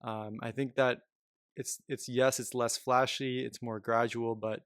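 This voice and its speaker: A man's voice: medium pitch, flat delivery, unhurried, no echo, studio quality. A man giving a casual, reflective spiritual talk as a meditation teacher, filling his sentences with "you know" and "um.".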